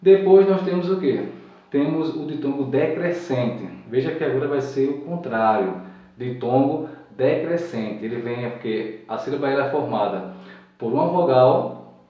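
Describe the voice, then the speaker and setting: A man teaches a grammar lesson at an even, patient pace, going over each point more than once and stopping to check that his listeners follow. He sounds some way from the mic in a very echoey room. The sound is dull and muffled. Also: mid-range voice, normal speed, far from the mic.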